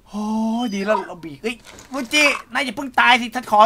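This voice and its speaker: A man commentating live on his own gameplay, excitable, with loud exclamations and repeated cries. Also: very high voice, brisk. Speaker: game streamer. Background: game music.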